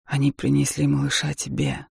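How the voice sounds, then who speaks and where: A woman reader voicing a grieving young husband who speaks softly through tears in an audiobook. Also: monotone, moderate pace, gravelly, breathy edge, no echo, studio quality, full character voice. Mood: tearful. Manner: soft, low and sorrowful.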